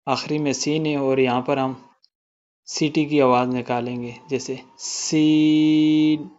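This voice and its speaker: Man teaching tajweed in Urdu, smooth voice. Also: mid-range voice, little pitch movement, highs cut off. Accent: Pakistani Urdu. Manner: explains quickly, then chants verses slowly and melodically. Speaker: Quran recitation teacher. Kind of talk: tajweed lesson with slow recitation.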